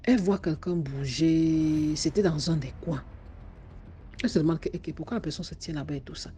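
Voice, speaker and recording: Une femme à l'camerounais qui raconte une histoire mystique sur un ton familier, avec beaucoup de répétitions et de reprises. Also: female voice, low-pitched, normal speed, slight background noise. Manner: animated, many restarts and repetitions. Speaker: storyteller. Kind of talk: casual spoken storytelling.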